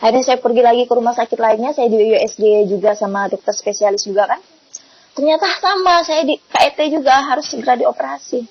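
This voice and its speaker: Husky-voiced woman telling her faith story, lively, acts out quotes, kinda muffled recording. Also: fairly high pitch, fast, no echo. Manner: animated storytelling, acting out quoted dialogue. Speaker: testimony speaker. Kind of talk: personal faith testimony.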